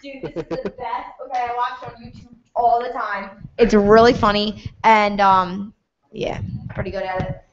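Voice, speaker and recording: A woman's voice: mid-range voice, fairly even intonation, normal speed. A young woman enthusiastically co-hosting a student telethon, on a dull lo-fi recording. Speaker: telethon co-host. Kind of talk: casual live presenting.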